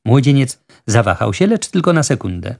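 A man narrating an adventure novel for an audiobook in a measured, even reading. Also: medium pitch, gravelly. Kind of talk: scripted narration.

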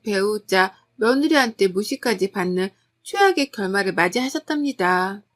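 Story narrator, female, slightly high voice, gossipy and confiding, scripted read. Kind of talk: scripted first-person narration.

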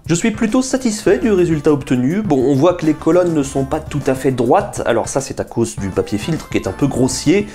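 A man's voice: a little high, sing-song, a little fast, hardly any pauses, dark tone, soft background music. A man in his thirties hosting a science video, explaining and carrying out a chemistry experiment at a desk with an enthusiastic, chatty teaching tone. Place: small indoor room, seated at a table.

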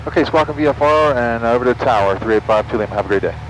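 A student pilot, a man, making brisk clipped radio calls to the tower over his headset from a small plane cockpit. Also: mid-range voice, background noise. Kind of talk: radio calls to air traffic control. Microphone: cockpit headset mic.

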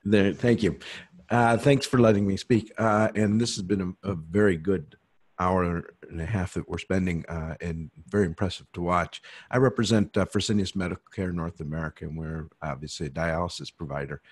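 A man's voice: low voice, fairly even intonation, moderate pace, no room sound. A man giving a polite, hesitant public comment on a video call. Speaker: public commenter for a dialysis provider. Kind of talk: public comment at a virtual meeting.

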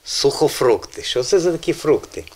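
A man's voice: fairly high pitch, lively intonation, normal speed, a little hiss or hum. A man hosting an educational children's TV show about language, explaining words patiently and encouraging the children in the studio. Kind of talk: educational TV presenting.

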